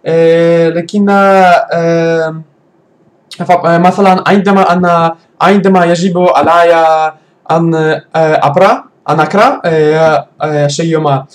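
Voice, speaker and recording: A man with a slightly high voice speaks in beginner's Arabic for a vlog. He hesitates often, fills gaps with long "ah" sounds and restarts his sentences while hunting for words. His delivery is casual and unpolished. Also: fairly even intonation, measured pace. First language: not Arabic. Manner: hesitant, many fillers and restarts, searching for words. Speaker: language learner vlogger. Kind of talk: halting casual talk in a learner's Arabic.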